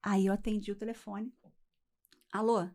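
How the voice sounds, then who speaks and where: A woman's voice: medium pitch, flat delivery, moderate pace, darkish tone. A woman, a coach guest telling a personal story in a casual chat and acting out the voices of the people in it. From Rio de Janeiro, Brazil. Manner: acts out quoted voices, laughs through the telling. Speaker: weight-loss coach guest.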